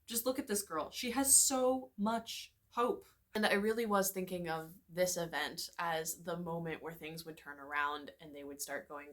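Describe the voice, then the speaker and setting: Young woman, slightly low, candid reflective vlog voice-over. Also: fairly bright tone. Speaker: vlogger.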